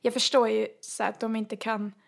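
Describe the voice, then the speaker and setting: A woman telling a story in casual chat, animated and full of fillers, acting out quoted lines. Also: a little high, vocal fry.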